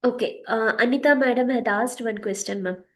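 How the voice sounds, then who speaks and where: A woman's voice: fairly high pitch, moderate pace, fairly bright tone. A woman moderating an online session, politely reading out teachers' questions. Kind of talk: online webinar Q&A.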